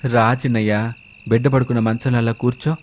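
Steadfast farmer husband, calm and firm; a man voices him, cartoon story. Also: medium pitch, fairly quick, slight background noise, natural voice.

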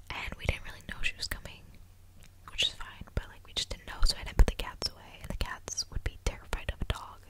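A woman in her twenties softly whispering an ASMR vlog very close, right in your ear, chatting casually in a rambling, confiding, hesitant way. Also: low-quality recording. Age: 20s. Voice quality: soft unvoiced whisper. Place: small dim room at home, indoors. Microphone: desktop condenser microphone very close to the mouth, binaural.

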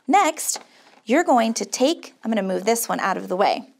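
On a small indoor studio set, an American woman with a high, somewhat gravelly voice walks young children through a craft like an upbeat, encouraging camp counselor. Very animated and at a normal speed, she explains each step simply and offers sing-song praise.

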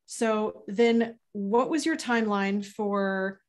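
A woman's voice: medium pitch, fairly even intonation, slow. A young woman hosting an interview over a video call, attentive and encouraging, asking follow-up questions. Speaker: host.

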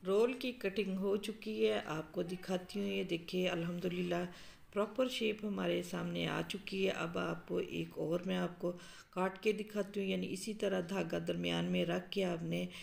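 Gravelly-voiced woman explaining a recipe. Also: on the low side, normal speed. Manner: calm, explanatory, with frequent um fillers. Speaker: cooking show host. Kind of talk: step-by-step cooking instructions. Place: home kitchen.

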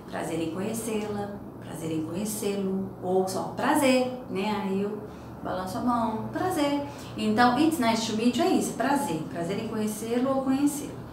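A woman from Brazil with a Brazilian accent, teaching an English lesson. She explains patiently, repeating phrases and translating them. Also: medium pitch. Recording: very echoey room with faint noise.

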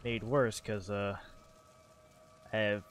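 A man's voice: lowish voice, level tone, takes it slowly, soft background music. A man streaming a game, chatting casually and reacting with curses and laughs. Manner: swears and laughs while reacting. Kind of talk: casual gameplay commentary. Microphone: headset with closed headphones.

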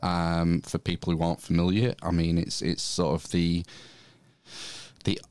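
A man's voice: sits low, monotone, measured pace, darkish tone, clear, resonant tone, no echo. A man hosting a podcast, asking his guest questions in an easygoing, casual way. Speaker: podcast host. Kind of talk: casual interview conversation.

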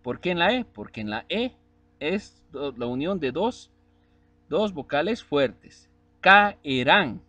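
Lively male teacher spelling out syllables. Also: on the high side, muffled recording, faint music behind. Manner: spells out syllables and vowels slowly, asks checking questions. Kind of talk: spelling lesson.

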